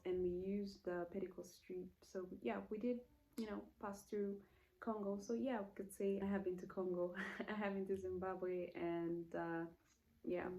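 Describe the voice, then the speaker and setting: A woman in her late twenties from Zambia talks to her viewers in a relaxed, rambling vlog style. She wanders off track, corrects herself and fills pauses with ums. Her voice is mellow and warm, at a medium pitch. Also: low-quality recording. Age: late 20s. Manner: chatty, rambling, self-correcting with many fillers. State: feeling hot in the room. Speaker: vlogger. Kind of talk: casual get-to-know-me vlog. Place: indoor room.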